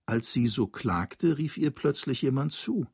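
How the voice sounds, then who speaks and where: A man narrating a fairy tale aloud in a measured, expressive storytelling manner. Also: mid-range voice, gravelly, husky, no room sound, clean studio sound.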